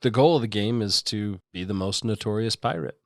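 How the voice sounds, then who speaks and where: A man's voice: on the low side, brisk, no room sound, studio quality. A man co-hosting a board game podcast, explaining a game in a playful, joking way. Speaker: podcast co-host. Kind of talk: casual chat about board games.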